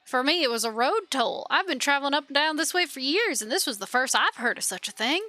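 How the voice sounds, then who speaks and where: Aggrieved village folk from a fantasy game, voiced by a woman, grumbling in a twangy put-on Southern drawl. The tone is indignant and blunt, pitched high with a bright edge. It is recorded dry and close, with faint game music underneath. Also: lively intonation, fast talker, no echo. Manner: indignant, complaining. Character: aggrieved rural villagers, adult men, angry and blunt.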